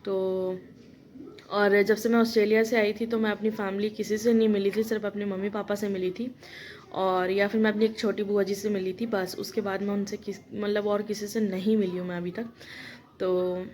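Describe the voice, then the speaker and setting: A woman's voice: medium pitch, little pitch movement, moderate pace, darkish tone, rough recording. A young woman vlogging in casual chat, emotional and talkative, often addressing her viewers directly. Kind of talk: casual vlog talk.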